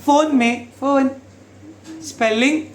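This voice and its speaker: A man's voice: very high-pitched, takes it slowly. Male teacher quizzing a class. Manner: quizzes pupils, mixes English lines into Hindi, keeps asking "समझा?". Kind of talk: classroom grammar lesson. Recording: echoey classroom, faint noise.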